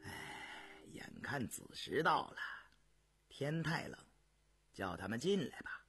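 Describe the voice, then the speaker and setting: A man voicing a weary, crippled older male scholar who speaks slowly, sighs and sometimes drops to a whisper. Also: mid-range voice, big pitch swings, a bit bright. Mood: grave. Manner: slow, sighing, sometimes whispered.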